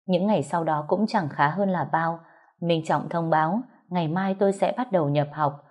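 A woman narrating a story in the first person in a calm, even reading voice. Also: lowish voice, moderate pace.

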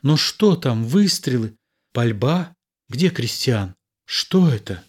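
A man reading a play aloud and voicing a passionate young noblewoman, pleading and tearful with a raised pitch. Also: very animated, slow, breathy edge, exaggerated voice. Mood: alarmed.

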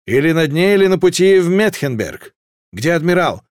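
A man voicing a young male naval lieutenant in an audiobook, frightened but dutiful, shouting over gunfire. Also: on the high side, big pitch swings, moderate pace, no echo, studio quality. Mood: urgent.

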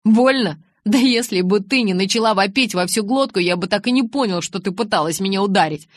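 Jacob, a woman doing a loud, cocky teenage boy. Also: mid-range voice, brisk, no room sound, clean studio sound, close to an everyday voice. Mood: brash. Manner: loud, brash and insistent.

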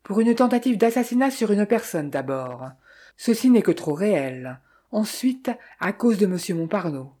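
A woman's voice: medium pitch, big pitch swings, normal speed, mellow. A woman reading as a worried young clerk. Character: young male clerk, worried amateur detective. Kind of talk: audiobook dialogue reading.

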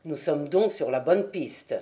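Brief: woman playing a grave, quiet male detective, pitched down, unhurried. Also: animated. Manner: measured and low. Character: calm, shrewd male detective.

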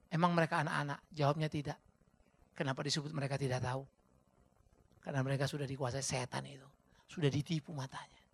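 A male pastor preaching a sermon in a fiery, conversational way, swinging between quiet asides and loud emphasis. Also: a little high, vocal fry, slightly rough.

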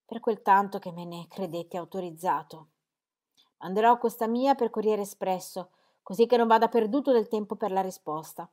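A woman reading the letter of a sober, dutiful middle-aged uncle, measured and formal. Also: medium pitch, darkish tone, lightly acted. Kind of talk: letter read aloud in audiobook.

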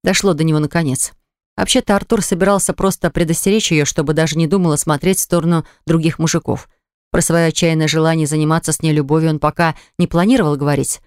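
A man narrating an audiobook in an even, measured storytelling manner. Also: on the high side, clean tone, no room sound. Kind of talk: scripted narration. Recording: dry close studio recording.

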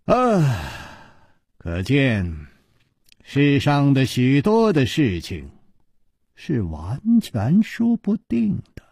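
A man doing a quiet, brooding swordsman. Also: lowish voice, sing-song, unhurried, no room sound, clean studio sound, voice pushed down. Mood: pensive. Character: calm, pensive wandering swordsman hero.

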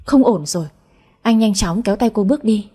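A woman reading a story aloud as narrator, in an even, steady storytelling manner. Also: medium pitch, brisk, breathy edge.

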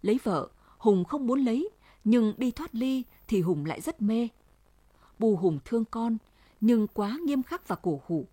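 Calm woman reading a story aloud. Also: a little high, a little slow, slightly rough, no echo. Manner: calm, steady, tender storytelling. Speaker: audiobook narrator. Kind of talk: story narration.

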